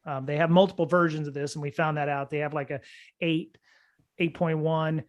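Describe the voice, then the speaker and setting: Rambling, higher-voiced male podcast host. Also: little pitch movement, brisk, dull audio. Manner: rambling, many fillers and restarts. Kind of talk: casual security podcast chat.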